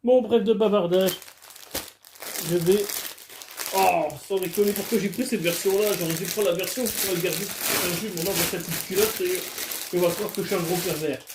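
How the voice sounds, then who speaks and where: A man with a notably high voice talks casually to his camera while alone at home. His chat is loose, joking and full of crude asides. The room around him rings with a clear echo. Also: steady tone, moderate pace, background noise. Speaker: vlogger. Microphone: camera filming him.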